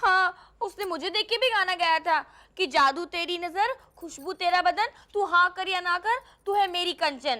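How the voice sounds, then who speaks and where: Cast: a melodramatic young woman, very high and bright, whiny. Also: normal speed, few pauses. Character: young woman, dramatic teasing sister-in-law. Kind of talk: 1990s sitcom acting.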